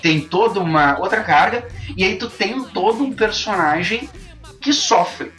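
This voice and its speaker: A man's voice: high-pitched, lively intonation, measured pace, a bit bright, soft background music. A man, hosting a casual film review chat and thinking aloud with frequent restarts. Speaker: podcast host.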